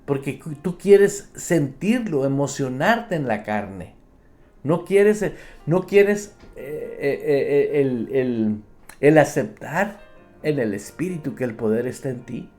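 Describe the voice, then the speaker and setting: A man's voice: mid-range voice, lively intonation, takes it slowly, dark tone, faint music behind. A man preaching a radio sermon as pastor, emphatic, often speaking straight to his listeners as brother. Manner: emphatic preaching, acts out believers' complaints; addresses listeners directly as brother.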